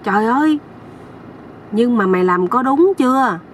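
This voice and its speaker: A woman's voice: a little high, lively intonation, moderate pace, distant mic, a little hiss or hum, voice pushed up, close to an everyday voice. A woman with a Southern Vietnamese accent voicing a nosy, boastful older village man who lectures a younger man. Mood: lecturing. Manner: bossy, know-it-all lecturing.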